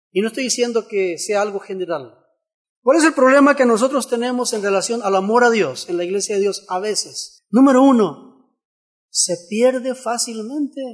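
A man preaching a sermon in church, repeating phrases for emphasis and asking rhetorical questions. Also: extremely high pitch.

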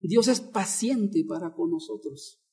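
A man's voice: sits high, takes it slowly, warm tone. A male pastor preaching a Bible-teaching sermon, repeating key words and asking the congregation questions.

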